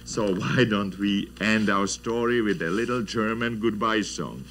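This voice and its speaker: Slow man telling kids a story. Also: on the low side, a bit bright, faint music behind, poor audio. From Czech lands. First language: Czech. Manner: playful, asks children questions. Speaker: children's TV host. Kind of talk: storytelling to children.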